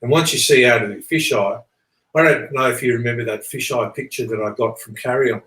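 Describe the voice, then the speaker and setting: A man being interviewed in an echoey space talks in a mid-pitched, fairly bright voice at a brisk pace. His explanations ramble earnestly, circling back to earlier points as he checks that he's understood.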